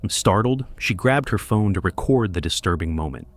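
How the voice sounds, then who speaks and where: A man giving scripted narration in an even, measured storytelling delivery. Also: deep voice, noisy background.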